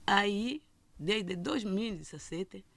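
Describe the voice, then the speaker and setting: Gravelly woman, halting speech. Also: medium pitch, animated, a bit bright, no echo. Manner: halting, with frequent restarts and repeated words. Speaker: listener telling her story. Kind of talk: personal testimony.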